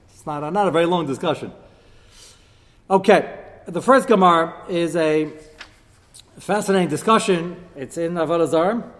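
Higher-pitched male voice, Talmud lecture, rhetorical questions, Hebrew terms mixed in, hall reverb. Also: moderate pace, long pauses, a bit bright. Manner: question-and-answer teaching, weaving Hebrew terms into English. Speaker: rabbi giving a Torah class. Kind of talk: religious lecture, Talmud discourse. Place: large echoing room with listeners present.

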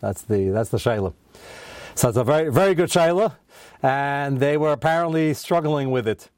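A man leads a Torah study class in a relaxed, conversational way. His voice is mellow and warm at a middle pitch, recorded dry and close. Now and then he pitches up to mimic the excuses people make. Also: normal speed, no echo. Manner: conversational, acts out excuses in a raised voice.

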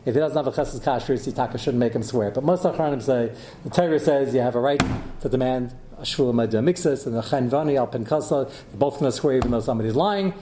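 A man's voice: medium pitch, fast. A man teaching a religious law class informally, reading sources and arguing through questions and answers. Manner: argumentative, posing questions and answering them. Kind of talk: informal lecture, reading sources aloud and explaining. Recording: noticeable background noise, clicks.

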